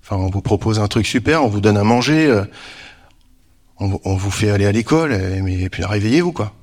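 A man with a somewhat low voice talks about his past work with young people. He speaks casually and hesitantly, pausing on many fillers as he searches for words. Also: expressive, a little mellow. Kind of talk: casual recollection.

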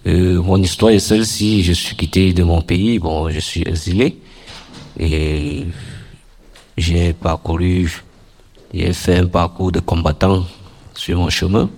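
Deep, slow man, formal. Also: steady tone, darkish tone. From Cameroon. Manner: formal, measured and earnest. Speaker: workshop participant giving testimony. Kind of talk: formal personal testimony.

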